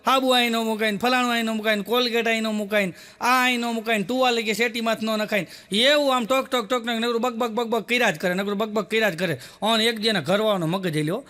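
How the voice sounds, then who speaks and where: Bright, high-voiced comic storyteller. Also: male voice, quick pace, few pauses. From Gujarat, India. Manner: lively storytelling, acts out quoted voices. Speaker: stand-up comedian. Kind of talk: stand-up joke telling.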